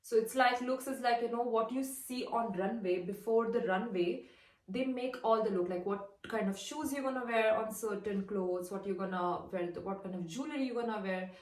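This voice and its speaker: A woman's voice: a little high, moderate pace. A young woman in her twenties from India, with an Indian English accent, chatting casually as she tells a story and acts out the dialogue. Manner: chatty, retells dialogue with "I'm like". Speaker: fashion model. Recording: roomy, distant mic.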